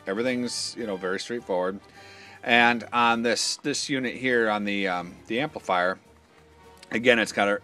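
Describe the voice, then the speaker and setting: A man with a voice on the low side and a fairly bright tone demonstrates a product. His informal, hands-on walkthrough is matter-of-fact and goes step by step.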